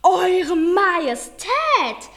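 A woman's voice: high voice, sing-song, unhurried, fairly bright tone, exaggerated voice. A woman voicing a plump, flustered old police sergeant with a fussy, blustering manner.

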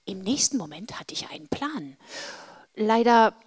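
A woman narrating a children's adventure story in the first person, pausing dramatically and often dropping to a whisper. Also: medium pitch, big pitch swings, slightly rough.

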